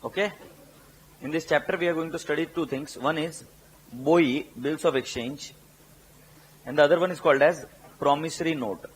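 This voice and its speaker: Slow-speaking male teacher. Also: fairly high pitch, slight background noise, low-quality recording. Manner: mixes Hindi and English, asks students questions; repeats terms slowly for dictation. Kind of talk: classroom lecture.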